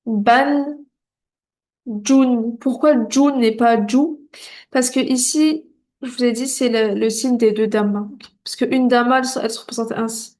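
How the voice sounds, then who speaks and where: A woman's voice: on the high side, steady tone, darkish tone. A woman teaching beginners to read, patient and reassuring, sounding out syllables one at a time and checking in often. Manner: patient, repeats syllables slowly and clearly. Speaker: Arabic reading teacher. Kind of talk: beginner lesson.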